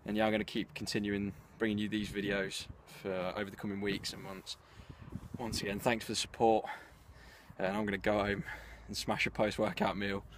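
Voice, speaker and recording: Winded young guy vlogging outside the gym, low monotone, bit of noise behind. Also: fairly quick. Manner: tired, direct talk to camera. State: out of breath. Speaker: fitness vlogger. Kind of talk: casual vlog to camera. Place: outdoors just outside a gym.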